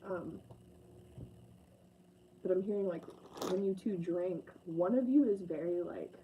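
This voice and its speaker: A woman's voice: lowish voice, a little slow, noisy background. Chatty woman in her late twenties reading tarot. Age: late 20s. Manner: chatty and effusive, sentimental. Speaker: tarot reader. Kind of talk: casual tarot reading to camera.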